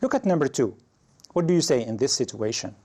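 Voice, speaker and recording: A man leads an English lesson in a calm, mellow voice at a middle pitch. He explains each situation patiently. When he reads example phrases, his pitch rises. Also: a little fast. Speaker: English teacher.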